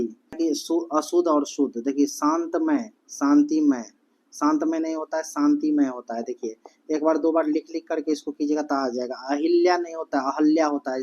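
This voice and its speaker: A man teaching an exam-prep Hindi grammar lesson, repeating letters and answers slowly for students. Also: on the high side, darkish tone. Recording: dull lo-fi audio.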